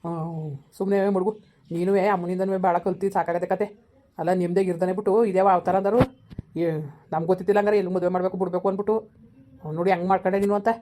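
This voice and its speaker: A woman's voice: lowish voice, little pitch movement, rapid-fire, warm tone, close to an everyday voice. A woman playing a stern, resentful elder brother who bluntly scolds his sister but agrees to help, in an amateur village drama. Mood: scolding.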